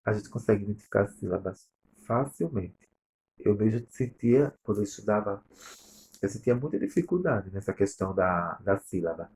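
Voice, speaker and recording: A man's voice: fairly low pitch, animated, moderate pace, darkish tone. A male teacher with a Brazilian Portuguese accent, going over exercise answers step by step in a recorded lesson review. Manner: explains step by step, reading answers aloud.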